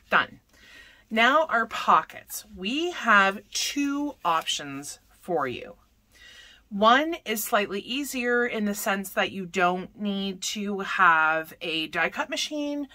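Slow, bright-voiced woman crafter. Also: mid-range voice, big pitch swings, no echo. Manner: chatty, self-correcting, talks while working. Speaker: papercraft tutorial host. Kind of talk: step-by-step craft tutorial.

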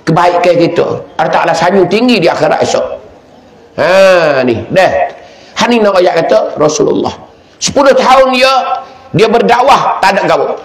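A man's voice: animated, moderate pace, echoey room. A male religious teacher with a Kelantan-Pattani Malay accent, preaching a sermon in a storytelling way and acting out the dialogue dramatically. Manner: dramatic, acts out dialogue in lowered voice.

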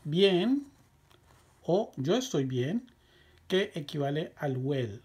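Language-lesson teacher: husky, unhurried delivery, with each practice question raised in pitch. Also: big pitch swings, a little mellow. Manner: repeats drill phrases, lifts pitch on each question. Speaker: Spanish teacher. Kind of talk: slow, deliberate language lesson.

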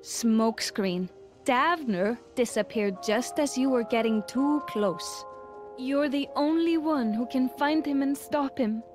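A woman voicing a sly, imperious mystery informant in a cartoon game, arch and deliberate. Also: high-pitched, over music. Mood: scornful, insistent. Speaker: character in a puzzle video game.

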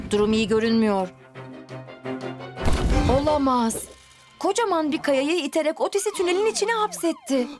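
Over steady background music, a woman with a high voice narrates a children's cartoon. She is expressive, speaking both to the characters and to young viewers.

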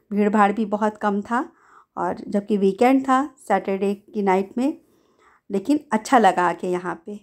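A middle-aged woman gives a relaxed, chatty voice-over for her family's outing, linking each step with easy storytelling. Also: a little high. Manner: chatty, easygoing storytelling with many "to" linkers. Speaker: family vlogger.

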